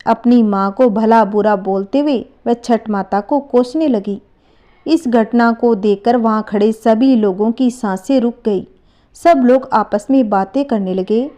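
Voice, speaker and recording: A woman narrating a devotional folk story in a steady, expressive way. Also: on the high side, unhurried.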